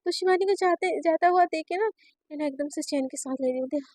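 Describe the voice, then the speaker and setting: A woman with a very high voice tells a story in a chatty, expressive way, dropping casual fillers as she goes. The sound is dry and close, with no room around it. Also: fairly quick, dry recording. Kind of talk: casual spoken story narration.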